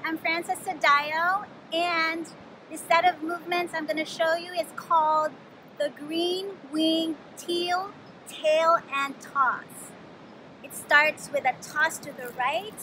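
Woman dance teacher outside, high bright voice, slow and careful. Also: noisy background. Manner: careful step-by-step explaining. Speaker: dance instructor. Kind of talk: dance tutorial.

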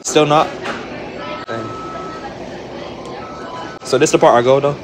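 Filmed on a handheld camera in a fast food restaurant, a young prank vlogger chats casually with the staff, pleading and animated and saying "bro" a lot. His pitch is medium, and background noise fills the clip.

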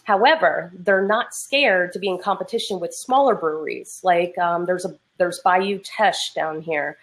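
A woman's voice: on the low side, moderate pace. A woman from Pennsylvania joining a casual beer chat, talking with a slight lisp. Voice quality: slightly lispy.

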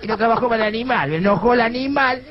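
A man's voice: extremely high pitch, racing, voice pushed up. An Argentine man putting on the voice of a disgruntled circus clown who complains about his boss and the empty shows. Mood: grumbling. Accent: Rioplatense Argentine. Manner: griping, complaining. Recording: muffled noisy radio recording.

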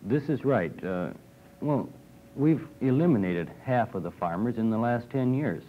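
A man's voice: mid-range voice, animated, unhurried, a little hiss or hum. A young man speaking earnestly on a TV panel discussion, recorded in a studio on a desk microphone with old film sound. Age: young adult. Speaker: farm organization member. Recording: dull 1960s TV film sound.

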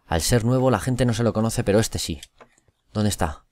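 Excitable gamer repeating himself. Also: male voice, lowish voice. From Spain. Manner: excitable, repeats phrases rapidly, swings between shouts and mutters. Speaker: gaming YouTuber. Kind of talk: live gameplay commentary.

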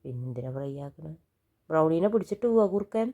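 A woman chatting gently with a small child at home, coaxing and reassuring in a calm, patient way. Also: deep voice, fast, lo-fi sound. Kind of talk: casual chat with a small child.

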